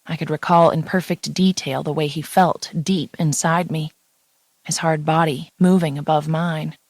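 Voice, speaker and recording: A woman's voice: low voice, steady tone, normal speed, no room sound. A woman narrating a first-person romance audiobook in an intimate, confessional manner, close to the mic.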